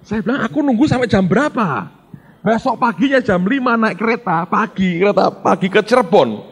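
Animated husky male pastor preaching. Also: high voice, moderate pace. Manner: animated storyteller acting out dialogue, addressing the congregation. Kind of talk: storytelling sermon.

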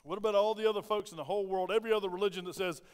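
Speaking rapid-fire in a smooth, high voice with fairly even intonation, a pastor with a Southern American accent preaches to his congregation and asks them lots of rhetorical questions. The sanctuary's long hall reverb is clearly audible.

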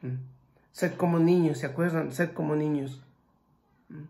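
A man preaching a sermon who swings between loud exclamations and hushed passages and asks his listeners direct questions. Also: a little high, fairly even intonation, unhurried, gravelly.

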